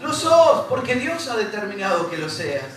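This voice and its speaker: A man's voice: high voice, sing-song, normal speed, a bit bright. A man with a Rioplatense accent preaching a sermon as pastor, repeating phrases and speaking straight to his congregation. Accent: Rioplatense Spanish. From Uruguay. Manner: preaching with repetition and rising emphasis, addressing the congregation directly. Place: church hall. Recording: echoey church hall from far off, music behind.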